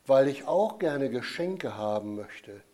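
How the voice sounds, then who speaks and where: A man voicing a gentle, patient holy child in a storybook tale, speaking softly and calmly. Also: slow pace. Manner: soft, low, calm and explaining.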